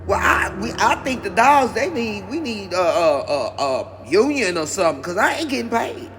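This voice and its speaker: A man's voice: sits high, sing-song, moderate pace, noisy background. A man voicing an indignant male service dog who complains at length that he is not paid. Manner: aggrieved, complaining, long-winded.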